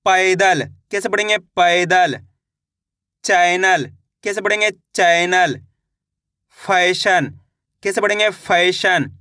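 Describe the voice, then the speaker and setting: A man's voice: high voice, fairly even intonation, slow, long pauses, pushed and bright, clear, resonant tone, dry recording, clean studio sound. A man teaching beginners to read Hindi. He patiently spells each word out syllable by syllable and then reads it whole. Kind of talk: spelling out and reading Hindi words for learners.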